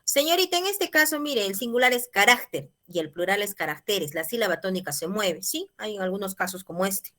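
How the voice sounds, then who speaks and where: Casting: woman teacher, patient and clear, keeps asking if the class follows. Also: mid-range voice, brisk, hardly any pauses, sharp tone. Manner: patient explanatory, checks in with "¿ya?" and "¿listo?". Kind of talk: grammar lesson.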